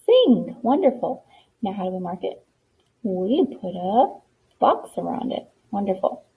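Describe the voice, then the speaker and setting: A woman teaches a spelling lesson at an unhurried pace, patiently sounding out each letter and praising her pupils. Her voice is slightly husky and comes through a thin, tinny, phone-like recording. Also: mid-range voice, expressive.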